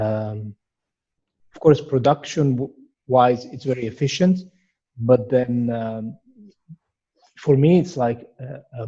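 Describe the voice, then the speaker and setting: A man's voice: medium pitch, dark tone, dull audio. A man from Iraq, a sculptor, giving thoughtful, searching answers in an interview with many restarts.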